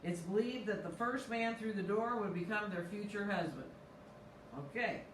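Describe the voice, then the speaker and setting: Chatty excitable woman pastor. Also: mid-range voice, moderate pace, echoey room, recorded from a distance, a little hiss or hum, poor audio. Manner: chatty and excitable, reads recipe lore aloud. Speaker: pastor and cooking show co-host. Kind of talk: casual cooking chat, reading aloud. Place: church kitchen.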